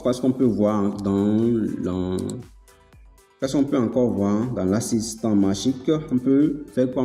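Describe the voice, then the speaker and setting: A man hosting a casual software tutorial, talking it through step by step, repeating himself and checking in with his listeners. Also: lowish voice. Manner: chatty, filler-heavy explaining. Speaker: tutorial host. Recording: echoey room, long reverb, faint music.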